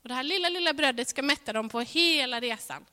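A woman preaching a sermon in a church, earnest, moving between ringing emphasis and hushed softness. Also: high-pitched, expressive. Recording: reverberant hall sound.

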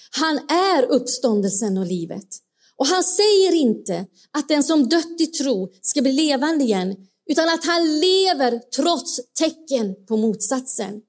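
A woman preaching a sermon, earnest and asking her listeners direct questions, dropping to a hush when she quotes a whisper. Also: high voice.

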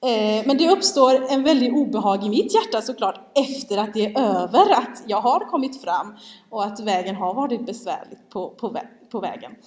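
A woman's voice: fairly high pitch, animated, a little mellow. A woman preaching a sermon, candid and self-mocking as she tells a family story. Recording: long hall reverb.

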